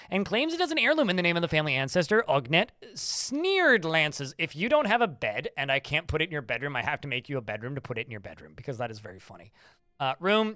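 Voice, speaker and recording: Guy streaming a game and rambling at chat, kinda flat tone people read as grumpy, bright forceful voice, a bit high. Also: no room sound, studio quality. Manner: talks in a flat tone that some hear as annoyed; chatty, rambling asides to chat. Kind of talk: live-stream gameplay commentary.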